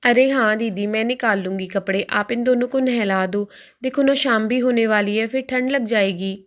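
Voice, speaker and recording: A woman's voice: on the high side, moderate pace, natural voice. Woman doing chatty young sister-in-law. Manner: chatty, teasing, respectful to elder. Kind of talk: doll story voice acting.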